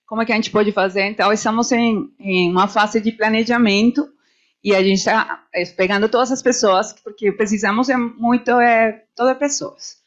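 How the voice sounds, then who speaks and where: A woman's voice: on the high side, steady tone, moderate pace. A woman on a panel, speaking spontaneously and earnestly as a committee member, explaining her work. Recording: dull, muffled event recording.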